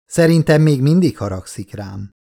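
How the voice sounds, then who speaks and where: A man's voice: a little high, expressive, vocal fry, warm tone, voice pushed up. A man reading as a curious young woman guide. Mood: frank.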